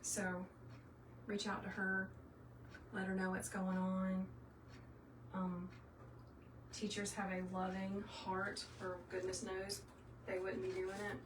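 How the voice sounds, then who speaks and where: A craft tutorial livestream host from South Carolina, this middle-aged woman talks casually and folksily to viewers in a Southern accent. Her mid-range voice is monotone, and she goes slowly with long pauses. The recording is roomy and faintly noisy from a distant mic.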